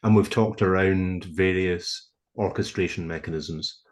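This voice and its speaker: A man on a video call presenting a technical proposal to a committee, speaking in a measured, hesitant way with frequent ums and restarts. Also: sits low. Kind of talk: presenting a proposal over shared slides. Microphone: computer mic on a video call.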